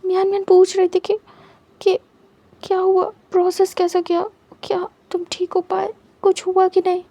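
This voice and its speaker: A woman voicing a soft devoted husband. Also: very high-pitched, monotone, moderate pace. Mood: tender. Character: young man, devoted reassuring husband.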